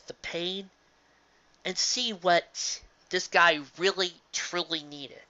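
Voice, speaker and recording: A fan fiction reader and reviewer discusses the stories with dramatic, emphatic, casual flair. Their medium-pitched voice sounds pushed and bright, with no echo but a dull lo-fi sound.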